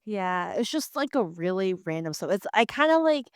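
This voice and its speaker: Female co-host, smooth clear voice, animated chatty delivery. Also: medium pitch, moderate pace, no room sound, studio quality. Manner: animated, acts out quoted lines. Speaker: podcast co-host. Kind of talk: casual recap chat.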